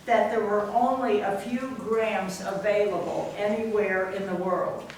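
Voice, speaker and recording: At a library readers theater performance, a woman delivers scripted narration in a mid-range, steady, slightly mellow voice at a measured pace. The mic is distant, the room very echoey, with faint noise.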